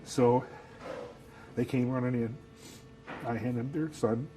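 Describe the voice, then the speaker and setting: A man, telling his story in an interview in a halting, soft-spoken way, filling his talk with "you know.". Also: medium pitch, fairly even intonation, faint music behind, low-quality recording. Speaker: actor who works as Santa, telling his story.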